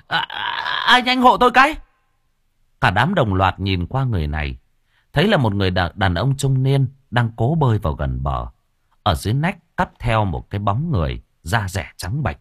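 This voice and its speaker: Lively male storyteller. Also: low-pitched, breathy edge, no room sound, clean studio sound. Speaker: narrator. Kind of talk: audiobook narration of a horror story.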